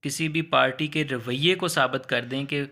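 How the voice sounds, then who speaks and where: This man's voice is medium in pitch, steady, bright, and pushed, moving at a normal speed. With a Pakistani accent, he lectures on law in a conversational, step-by-step manner, illustrating with hypotheticals, repeating key ideas, and using English legal terms along the way.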